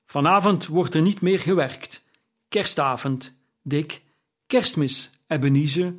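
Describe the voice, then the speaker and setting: A man voicing a jolly, plump old merchant with a full, jovial voice, calling out loudly and heartily. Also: fairly high pitch, takes it slowly.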